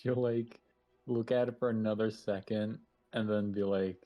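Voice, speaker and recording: A man with a fairly low voice plays a tabletop game. He talks casually and conversationally. Faint music runs behind him. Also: steady tone, moderate pace, lo-fi sound.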